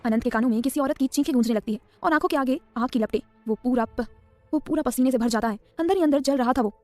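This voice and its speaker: A woman's voice: high-pitched, fast, a little mellow, no echo, soft background music. A woman narrating an audiobook story.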